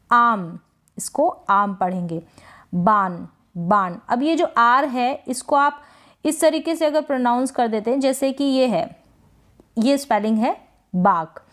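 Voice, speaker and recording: A woman teaching a slow spoken lesson, drawing each word out and asking and answering her own questions. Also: on the high side. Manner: drawn-out demonstrations of each word. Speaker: English teacher.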